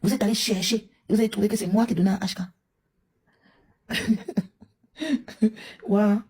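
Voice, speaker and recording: A woman's voice: medium pitch, unhurried, a little mellow, breathy edge. A woman from Cameroon, a mother and live streamer, scolding a rival in a heated, confrontational rant. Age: young adult to middle-aged, a mother.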